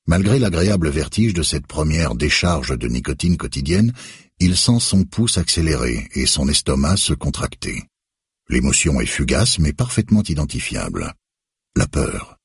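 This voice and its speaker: A man reading a novel aloud in measured, expressive scripted narration. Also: very deep voice, breathy edge, no echo, clean studio sound. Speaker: audiobook narrator.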